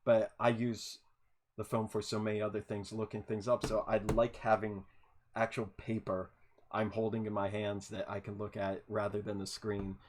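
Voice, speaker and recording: A man's voice: fairly low pitch, flat delivery, normal speed, a little hiss or hum. A man hosting a podcast interview on a video call, eager and stumbling over repeated words. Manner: enthusiastic, stammers and repeats words. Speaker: podcast host. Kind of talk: casual interview chat.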